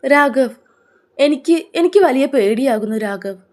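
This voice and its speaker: A woman's voice: high voice, expressive, measured pace, a little mellow. A woman voicing an earnest, pleading young daughter. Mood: frightened. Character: young daughter in love, frightened but brave. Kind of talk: storybook narration.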